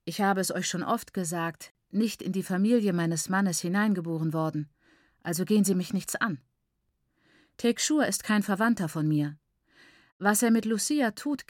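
A woman voicing a calm, proud, educated woman who speaks in a composed tone. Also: medium pitch, dry recording, studio quality, natural voice.

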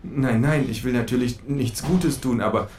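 A man's voice: mid-range voice, normal speed, darkish tone, slight background noise, voice pushed up, close to an everyday voice. A man voicing a nervous young male bank advisor who stammers and hesitates. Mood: flustered.

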